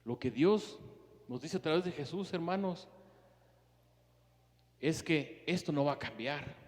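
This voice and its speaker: A man preaching a sermon as pastor, emphatic, swinging between loud urgency and hushed earnestness as he speaks straight to the congregation. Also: fairly high pitch, long reverb tail. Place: church.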